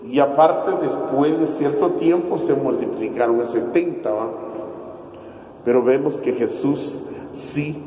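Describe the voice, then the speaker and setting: A man's voice: mid-range voice, a little slow, dark tone, slight background noise. A man preaching a sermon as pastor, emphatic and repeating his key phrases. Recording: echoey church hall, heard from far off.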